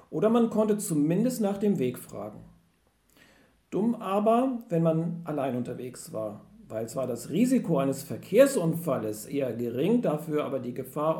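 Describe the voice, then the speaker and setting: Male preacher, slightly higher voice, mellow, explanatory sermon, room echo. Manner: explanatory, varied emphasis. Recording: roomy echo.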